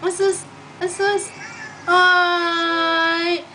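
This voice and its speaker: A woman with a very high voice coos slow baby talk to her little one over a video call. Her words are doting and tender. The recording comes through a computer mic with steady noise behind it. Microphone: computer microphone on a video call.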